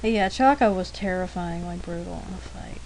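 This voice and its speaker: In poor audio with steady background noise, a woman with a fairly low voice speaks at a moderate pace. She is narrating her own drawing demo, chatty and rambling, self-deprecating, and thinking aloud as she goes.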